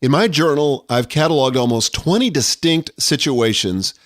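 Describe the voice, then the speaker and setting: A man's voice: medium pitch, lively intonation, normal speed, a bit bright, no room sound, studio quality. A middle-aged man hosting a solo podcast, speaking earnestly and reflectively about leadership. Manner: earnest, reflective, quotes scripture. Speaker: podcast host.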